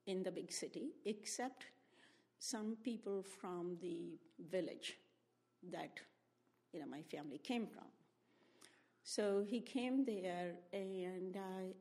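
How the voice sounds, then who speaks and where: A woman's voice: mid-range voice, warm tone. A woman in her seventies from India with an Indian accent, recalling her family's story in an oral history interview at a library. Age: 70s. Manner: reflective, spells out names letter by letter. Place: public library room.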